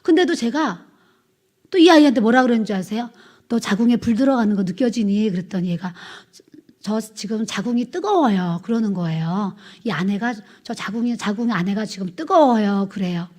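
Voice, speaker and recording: A woman's voice: mid-range voice, lively intonation, normal speed, a little mellow. A woman pastor preaching a sermon, telling a testimony with repeated phrases and acted-out dialogue. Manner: storytelling, repeats phrases, acts out quoted dialogue.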